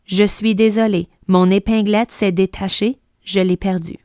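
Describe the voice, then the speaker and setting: A woman voicing a calm, reassuring mother in a storybook, speaking low and softly. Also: measured pace, dry recording, clean studio sound, lightly acted. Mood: soothing. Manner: low and soft-spoken.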